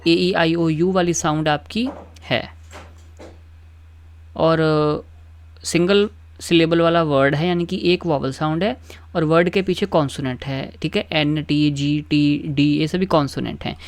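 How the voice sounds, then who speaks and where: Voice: medium pitch, no room sound. A teacher gives a patient, explanatory grammar lesson. The teacher steps through word lists one by one and checks in often with the class.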